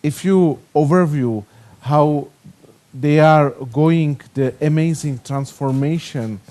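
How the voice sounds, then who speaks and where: Pitched fairly high yet dark in tone, this man's voice carries a Czech accent. He's from the Czech Republic and struggles through non-native English with many fillers during a conference panel.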